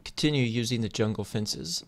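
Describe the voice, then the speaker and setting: A gaming video series host informally commentates on his own play, thinking out loud in a medium-pitched voice at a moderate pace. The sound of a computer keyboard and clicking is clearly audible in the background.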